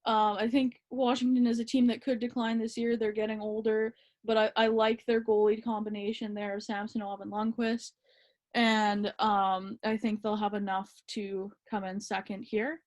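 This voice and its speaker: A woman talks hockey on a casual podcast, her voice sitting a little on the high side. She is relaxed and a bit hesitant, often filling pauses with ums. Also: dull audio. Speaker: podcast co-host.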